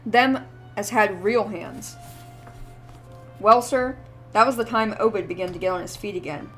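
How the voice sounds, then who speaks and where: A woman's voice: mid-range voice, a little slow, fairly bright tone. Woman doing a wheezy rambling old drunk. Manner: rambling, feverish, rustic old-timer speech. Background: faint background music.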